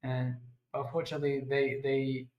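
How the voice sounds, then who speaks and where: A man from Israel, a guest and army reservist, answering in earnest, halting full of restarts. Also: medium pitch, level tone, dull audio. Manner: earnest, halting non-native English with restarts. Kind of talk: interview answers. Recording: echoey room.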